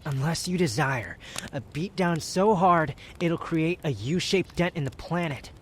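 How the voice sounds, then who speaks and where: A man's voice: on the high side, expressive, measured pace, a little hiss or hum. Man voicing Scaramouche, a haughty, prickly young wanderer. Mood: irritated, threatening. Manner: haughty, dry, formal wording with reluctant tenderness. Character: aloof, prickly young wanderer softening into affection. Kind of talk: romantic roleplay ASMR.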